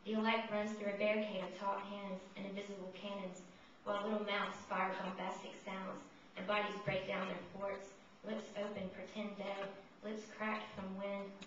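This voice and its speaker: A woman giving a poetry reading, reciting her own verse in measured, solemn short phrases. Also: mid-range voice, flat delivery, fairly bright tone. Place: reverberant indoor room, live reading. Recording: distant, muffled, echoey room with noise.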